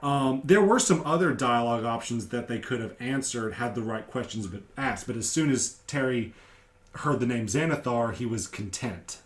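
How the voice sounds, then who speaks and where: A man's voice: mid-range voice, moderate pace. A man giving a casual recap of a tabletop game session as game master, explaining events step by step in an echoey room.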